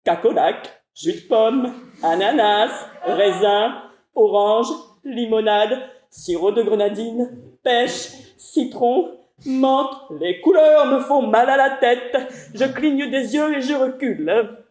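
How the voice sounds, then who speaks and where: Young woman, played by an actress, frazzled, breathless, rhythmic, high voice, echoey hall, live stage reading. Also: slow pace, a little mellow. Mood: frantic. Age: 20s. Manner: rhythmic, breathless, jumpy outbursts. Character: frazzled young woman after-school worker, nearly thirty. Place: stage at a theatre festival.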